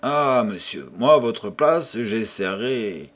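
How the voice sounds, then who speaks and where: A man's voice: fairly low pitch, animated, slow, fairly bright tone, heavily acted. A man reading an earnest young persuader. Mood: persuasive.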